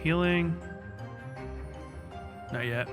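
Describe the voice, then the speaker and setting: Speaking extremely slowly in a voice on the high side, a man streams a video game with its music in the background. His casual commentary is crude, heavy on swearing and full of sardonic asides.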